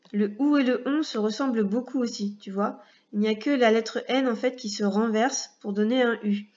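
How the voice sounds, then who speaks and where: A woman teaching a first-grade reading lesson, speaking patiently with clear articulation and talking straight to the child. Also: on the high side, a little mellow, dull audio.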